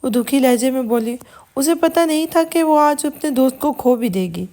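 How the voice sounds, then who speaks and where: High-voiced woman narrating a story. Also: expressive, mellow. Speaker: audio novel narrator. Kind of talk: scripted narration.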